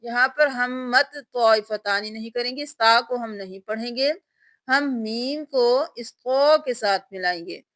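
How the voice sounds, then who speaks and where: Letter by letter, a woman spells out a word in her tajweed lesson on Quran reading, then recites it slowly and drawn out. Her tone is a little high and fairly bright, captured in a dry recording.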